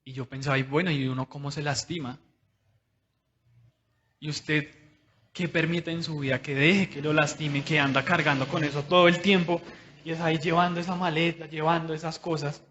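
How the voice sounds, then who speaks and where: A man delivers a sermon in a personal, conversational way, turning often to speak straight to his listeners. His voice sits a little high for a man. The recording is dull and lo-fi, with the top end muffled. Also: fairly even intonation, moderate pace, a bit bright. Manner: conversational, personal preaching, addressing listeners directly. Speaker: preacher.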